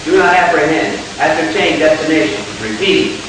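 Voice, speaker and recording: Police dispatcher over a radio loudspeaker. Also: male voice, fairly high pitch, steady tone, normal speed. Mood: commanding. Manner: clipped, official announcing. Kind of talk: 1940s film serial acting. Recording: echoey, distant, hissy old soundtrack.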